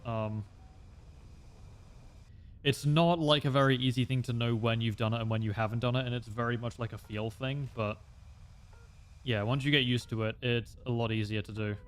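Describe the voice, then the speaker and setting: A man's voice: medium pitch, fairly even intonation, normal speed, long pauses. A young man streaming a flight game, chatting casually and explaining tactics with lots of fillers. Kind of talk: casual gameplay commentary.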